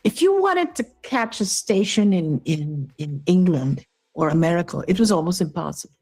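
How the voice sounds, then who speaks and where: A woman's voice: fairly low pitch, expressive, normal speed, darkish tone, slightly rough, dry recording, faint music behind, poor audio. A woman in her sixties from Guyana, telling her story as an interview guest and minister, earnest and explanatory. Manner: earnest, explanatory, checks in with the listener.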